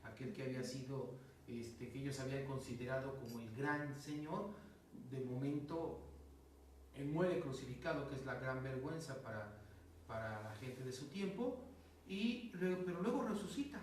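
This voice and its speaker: A man's voice: mid-range voice, normal speed. A man with a Mexican accent, a priest teaching a casual Bible class, talking things through with fillers and rhetorical questions. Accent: Mexican Spanish. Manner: conversational, explains with many fillers and rhetorical questions. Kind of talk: informal Bible class explanation. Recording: roomy echo, distant mic, faint noise.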